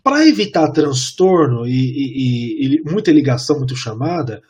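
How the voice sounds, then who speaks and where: A man, telling a work story in a casual podcast chat and acting out the dialogue with animated energy. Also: mid-range voice, moderate pace, slightly rough. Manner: animated, acts out quoted dialogue. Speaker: podcast co-host.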